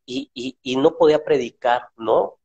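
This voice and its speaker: A man talking in a relaxed, reflective way, often ending his points with a tag question. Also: a little high, measured pace, creaky, slightly rough, lo-fi sound. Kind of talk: casual conversation.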